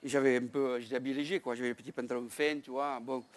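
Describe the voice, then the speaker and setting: A man's voice: medium pitch, steady tone, fast. A male comedian telling a rambling comic story on a small theater stage, chatty, with frequent asides and crude exclamations. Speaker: stand-up comedian.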